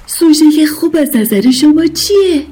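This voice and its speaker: A big, wise old dolphin from a storybook speaks kindly and patiently, as a woman narrator puts him on. The voice sits high yet mellow in tone. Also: animated. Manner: gentle, patient, explaining.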